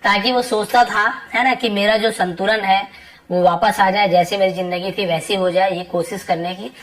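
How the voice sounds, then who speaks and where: Woman tutor going through english words one at a time, slow careful reading, keeps checking in, mid pitch. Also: steady tone, low-quality recording. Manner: reads English phrases very slowly, then explains each word at length; patient, repetitive teacher talk with frequent checks like "ठीक है". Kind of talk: explaining translation word by word.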